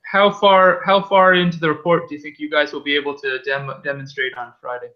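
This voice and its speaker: A man's voice: on the high side, flat delivery. Man on a choppy call, breaking up. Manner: halting, restarts sentences, searching for words. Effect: choppy call audio breaking up. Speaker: technical team lead. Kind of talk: remote work meeting. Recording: lo-fi dropping online call line.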